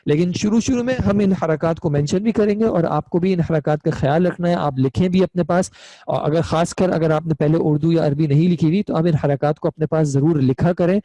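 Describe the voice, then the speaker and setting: Man, online grammar teacher, patient, checks understanding, mellow tone, dry close sound. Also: a little high, no room sound. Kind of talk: explanatory lesson.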